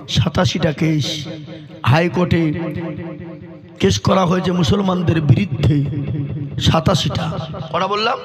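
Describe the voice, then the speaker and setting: A man preaching a sermon to a gathering, asking the crowd rhetorical questions and chanting lists in rising calls. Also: high voice. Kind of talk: Islamic sermon. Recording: crowd noise audible. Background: crowd of listeners.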